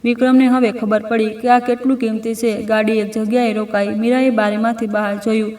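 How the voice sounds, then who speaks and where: A woman narrating a scripted story in even, measured short phrases. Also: on the high side. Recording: roomy, distant mic.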